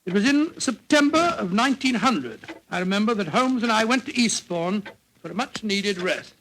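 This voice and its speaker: A genial old British doctor in a golden-age radio play. The voice sits high for a man, full of avuncular bluster and exclamation, like a fond storyteller. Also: animated, normal speed, fairly bright tone, a little hiss or hum, rough recording. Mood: reminiscing. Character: genial elderly English doctor, avuncular detective's companion and storyteller. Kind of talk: 1940s radio acting.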